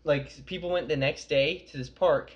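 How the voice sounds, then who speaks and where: A man's voice: on the high side, fairly even intonation, normal speed, highs cut off. A young man co-hosting a podcast, telling rambling, profane stories in casual chat. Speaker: podcast co-host.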